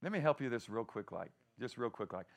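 A man preaching a sermon, telling a story in a conversational, mocking way, shouting at the peaks and dropping to quiet asides, often laughing. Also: mid-range voice, animated, fairly quick, gravelly.

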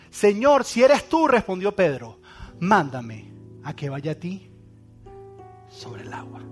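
A man preaching a sermon, dramatic, going from loud emphatic lines to hushed near-whispers. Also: on the high side.

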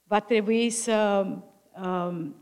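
A woman shares a personal testimony at an average pitch. She speaks in short phrases and leaves gaps for an interpreter. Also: fairly even intonation, extremely slow, a little mellow, clear, resonant tone.

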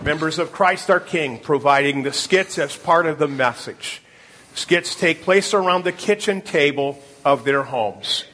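A man, a pastor, introducing a midweek service and reading scripture in a calm, measured way. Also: fairly high pitch.

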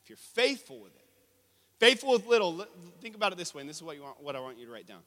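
A man preaching a sermon, animated and asking the congregation questions as he tells a family story. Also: fairly high pitch, rapid-fire. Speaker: pastor.

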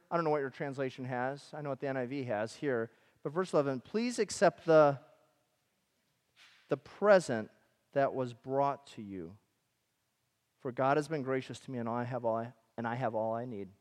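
A middle-aged man from Michigan preaching a sermon as pastor, conversational and animated with personal asides. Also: mid-range voice, in a large hall.

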